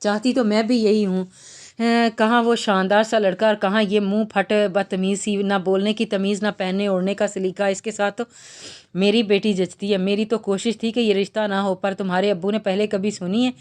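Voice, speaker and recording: A woman's voice: medium pitch, little pitch movement, moderate pace, a little mellow, natural voice. A woman reading the part of a bitter, envious middle-aged mother who scorns her niece.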